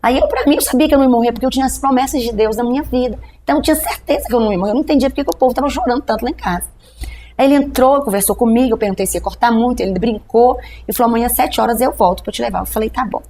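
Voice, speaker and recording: A middle-aged woman pastor from Brazil tells her testimony in a podcast interview. She talks very quickly in a slightly high voice and acts out the dialogue of the people in her story. A faint hiss sits behind her. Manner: animated storytelling, acting out dialogue with a doctor.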